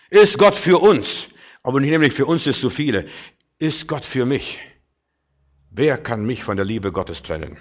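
A male preacher with a mid-range voice delivers a sermon in a very animated melody. He moves from forceful declarations to hushed, low remarks. The sound is muffled and lo-fi. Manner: emphatic, swings between loud declarations and quiet low asides. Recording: dull lo-fi recording.

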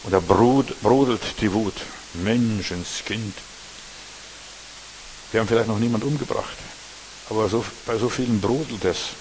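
A man's voice: on the low side, unhurried, pauses often, a little mellow, slight background noise, rough recording. Emphatic preaching man. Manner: emphatic, talks straight to the congregation with repeated tag questions. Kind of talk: sermon.

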